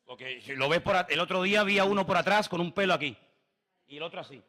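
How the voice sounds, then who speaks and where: A man's voice: high voice, fast talker, pushed and bright. A middle-aged male pastor, preaching a sermon in an emphatic style full of rhetorical questions. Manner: emphatic, rhetorical questions, mimics others' voices.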